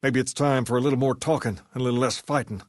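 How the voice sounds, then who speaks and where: An actor playing a swaggering, folksy gang boss in a video game, with a laid-back Southern US drawl. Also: male voice, medium pitch, steady tone, fast talker, no echo, clean studio sound, natural voice. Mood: easygoing, grateful. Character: swaggering, folksy gang boss who idolizes a rock-and-roll singer. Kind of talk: video game character dialogue.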